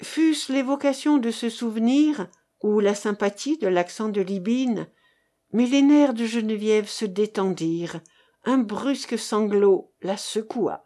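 A woman narrates a novel in a measured, expressive way. Her voice is mellow and fairly high. The reading is slow and unhurried.

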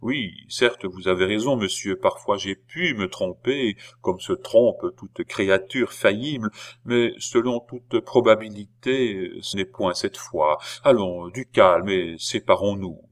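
A man reading an audiobook, voicing a stern doctor who speaks in a measured, solemn way. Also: on the low side, lightly acted. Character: grave, stern middle-aged doctor.

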